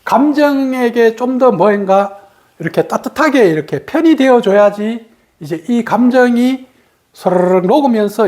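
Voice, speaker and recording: A woman's voice: mid-range voice, darkish tone. A woman from Korea's region, giving a meditation talk, asking rhetorical questions, answering them herself, and laughing between points. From Gyeongsang region, Korea. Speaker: meditation teacher.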